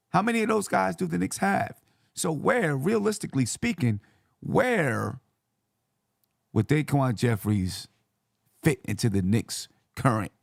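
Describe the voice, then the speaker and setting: A man with a hoarse, creaky voice talks sports as a show host. His pitch jumps around in a lively way as he chats and repeats key phrases for emphasis. The recording is dry and close. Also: no echo. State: hoarse voice from yelling. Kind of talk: casual sports commentary.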